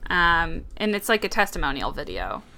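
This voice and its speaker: A woman co-hosts a casual podcast with a bright, crisp voice. She talks in a wry, skeptical way and sounds amused by what she describes. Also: on the low side, very animated, moderate pace. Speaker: podcast co-host.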